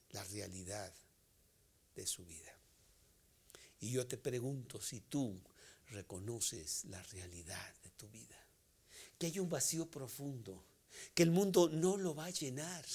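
A man with a Mexican accent preaching a sermon, swinging from loud, forceful phrases to whispered endings. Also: medium pitch.

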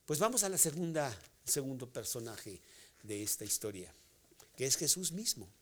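A man with a Mexican accent preaching a sermon, swinging from loud, forceful phrases to whispered endings. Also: medium pitch, very animated, normal speed.

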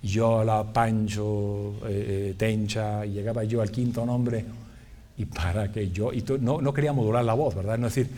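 A man's voice: fairly low pitch, moderate pace, a little hiss or hum. A man preaching to a congregation, telling a funny personal story with lots of laughter. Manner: animated, joking, often laughing at himself. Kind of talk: humorous sermon storytelling.

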